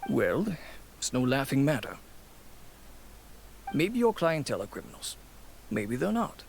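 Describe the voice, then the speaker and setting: A man playing a cautious, world-weary middle-aged merchant and father in a video game, with a creaky voice and a theatrical, measured manner. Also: mid-range voice, sing-song, slight background noise. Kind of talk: video game dialogue acting.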